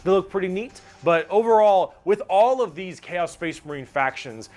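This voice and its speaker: A man's voice: sits high, lively intonation, moderate pace, darkish tone, faint music behind. A man streaming, casually explaining game lore in a loose, profane way and reading chat messages aloud.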